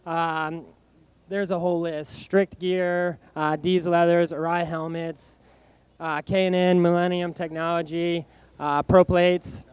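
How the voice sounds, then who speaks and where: A man giving a casual post-race interview as a racer, halting and plain-spoken, leaning on "you know". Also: on the high side, level tone, smooth, no echo. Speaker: motorcycle racer, race winner. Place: outdoor racetrack podium over microphone.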